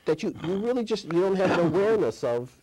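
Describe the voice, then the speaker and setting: A man's voice: sits high, sing-song, fast, warm tone, poor audio. A man in his fifties from Chicago, a guest filmmaker in a studio interview, speaking thoughtfully with frequent restarts and trailing phrases. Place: TV studio set.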